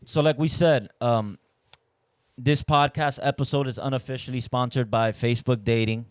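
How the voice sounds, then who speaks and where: A man's voice: medium pitch, fairly even intonation, moderate pace, clear, resonant tone, no echo, clean studio sound. Playful man hosting a podcast. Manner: playful, teasing. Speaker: podcast host. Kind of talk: casual interview.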